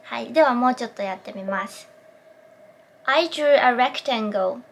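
Higher-voiced woman teaching pronunciation. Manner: slow, careful English model phrases; clear explanatory tone. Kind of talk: pronunciation lesson.

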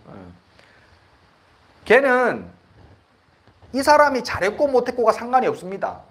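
A man's voice: high voice, a bit bright, breathy edge. A middle-aged Buddhist monk, giving a conversational dharma talk and often checking that his listeners agree. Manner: conversational, asks the audience for agreement; laughs at his own stories.

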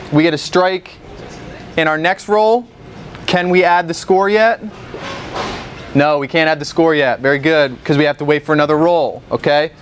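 Young guy teaching a class in a bowling alley, slightly high voice, patient step by step, keeps asking okay?, far camera, faint hum behind. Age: young adult. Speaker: instructor. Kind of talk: classroom explanation. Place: large indoor bowling alley.

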